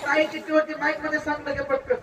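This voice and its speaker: A Marathi-accented male stage magician with a very high-pitched, steady voice delivers commanding patter fairly quickly to children at an outdoor birthday event, counting and barking drill orders. His handheld stage mic is heard from far away over an echoey crowd and heavy background noise.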